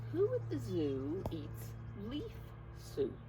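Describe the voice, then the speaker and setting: A teacher with a fairly low pitch reads a picture book aloud to preschoolers at a slow pace, animated and coaxing as she addresses them directly and has them guess. The background is noisy.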